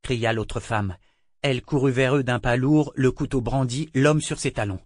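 A man's voice: mid-range voice, dry recording. Man narrating an audiobook, dry close sound. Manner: measured, even storytelling.

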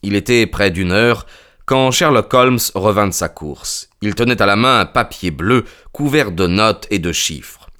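A man narrating in first person as the detective's companion, measured and descriptive. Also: on the low side, fairly bright tone, clear, resonant tone. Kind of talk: dramatized audiobook narration.

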